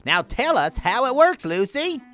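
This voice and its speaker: A woman's voice: a little high, very animated, a little slow, over music. A woman voicing a boastful alien sidekick who fancies himself a great actor, grand and bossy in a children's audio drama. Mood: grandiose.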